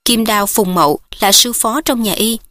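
A woman's voice: on the high side, moderate pace, close to an everyday voice. Woman voicing a timid old innkeeper man. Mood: fearful, deferential. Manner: bowing, hushed and fearful.

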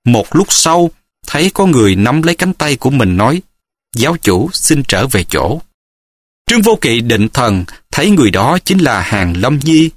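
A man's voice: medium pitch, sing-song, moderate pace, dry recording, studio quality. A man narrating a martial-arts novel as an audiobook, reading expressively and dramatically.

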